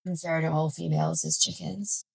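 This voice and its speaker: A woman's voice: sits low, flat delivery, moderate pace, vocal fry, husky, distant mic, poor audio. Chatty Scottish woman. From Scotland. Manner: chatty, laughs often, acts out examples. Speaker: co-host. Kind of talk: casual chat.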